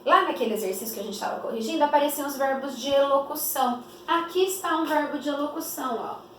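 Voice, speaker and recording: A woman with a high voice gives a grammar lesson, pausing often to quiz her students with questions. She draws out the example phrases slowly so they sink in. The recording is roomy and echoey, with her voice a bit distant from the mic and faint background hiss. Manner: didactic, stretches example phrases slowly, many rhetorical questions. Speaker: teacher. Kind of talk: explanatory classroom lesson.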